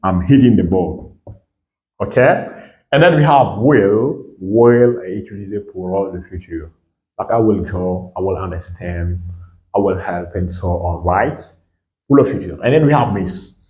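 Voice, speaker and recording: In an echoey room, an English teacher leads a language lesson, walking his learners through each step and checking in with them often. His voice is deep and a little mellow, and he speaks somewhat slowly.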